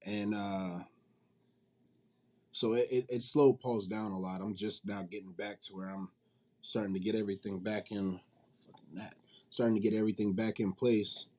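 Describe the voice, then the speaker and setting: Speaking as a guest in a relaxed interview, the CEO of an indie manga publisher keeps things informal and restates points to stress them. His voice sits fairly low, a little mellow, with a steady tone and moderate pace.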